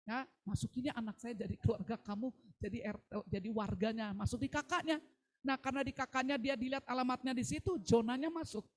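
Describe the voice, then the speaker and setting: A woman's voice: a little high, fast talker. Storytelling woman pastor preaching. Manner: storytelling, quoting people in changing voices. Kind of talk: sermon over a live video call.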